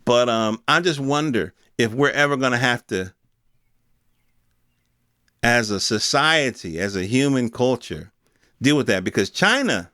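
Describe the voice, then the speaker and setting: In a mid-range, fairly bright voice, an American man hosting a podcast rambles casually through his opinions in colloquial language. He asks rhetorical questions and mimics imaginary speakers. It's studio quality with no echo.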